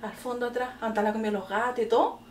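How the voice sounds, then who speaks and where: A middle-aged Chilean woman tells a story in a high, bright voice, bursting into laughter and exclamations along the way. She sounds a little distant from the mic, in an echoey room. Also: racing, a little hiss or hum. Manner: animated, laughing often, exclamatory. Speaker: podcast host telling a story to her daughter. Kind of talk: casual storytelling chat.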